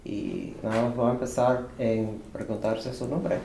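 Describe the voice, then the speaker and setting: A man interviewing someone, asking halting, searching questions. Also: on the low side, creaky, dark tone. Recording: roomy room with faint noise.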